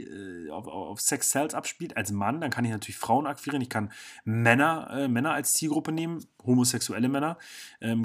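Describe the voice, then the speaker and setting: A young man hosting his own podcast, talking bluntly and casually with slang, often stopping to correct himself. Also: mid-range voice. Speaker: podcast host. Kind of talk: casual solo podcast monologue.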